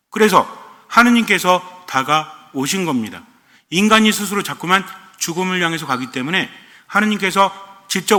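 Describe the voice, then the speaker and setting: Male priest, sermon, bright forceful voice, slightly high pitch, long echoing reverb. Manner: rhetorical questions answered himself.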